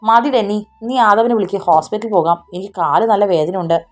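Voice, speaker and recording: Storybook: woman voicing a calm injured young woman, gentle and pleading, mid pitch. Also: brisk, faint music behind, close to an everyday voice. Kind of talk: audiobook character voicing.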